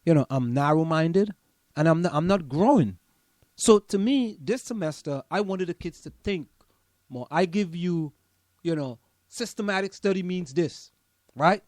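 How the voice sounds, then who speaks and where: A man's voice: a little high, expressive, measured pace, a little mellow, no echo. A man, a professor co-hosting an online radio show, talking emphatically and repeating words as he thinks aloud. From Trinidad and Tobago. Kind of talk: casual radio chat.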